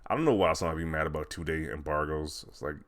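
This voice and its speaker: A video host with an extremely low-pitched yet fairly bright voice speaks at a quick pace. His casual reactions to social media posts are mocking and incredulous, with regular chuckles.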